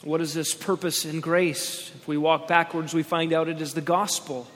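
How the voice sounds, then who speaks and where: Male pastor at a pulpit microphone, slightly high voice, emphatic sermon delivery, long church reverb. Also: flat delivery, fairly bright tone. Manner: emphatic, slowing down on key words.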